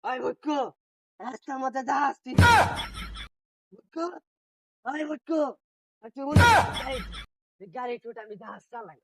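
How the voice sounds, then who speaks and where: A woman's voice: sits high, moderate pace, vocal fry, long pauses, muffled recording, loud music behind the voice. A woman with a Bangladeshi Bengali accent playing a belligerent, rambling drunk in an amateur comedy skit. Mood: rambling, bossy.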